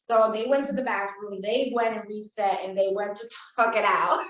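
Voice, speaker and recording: A woman's voice: medium pitch, fairly even intonation, moderate pace, a bit bright. Woman, podcast co-host, storytelling, roomy echo, sits back from the mic. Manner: storytelling, acts out quoted dialogue. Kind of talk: casual chat. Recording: echoey, distant from mic.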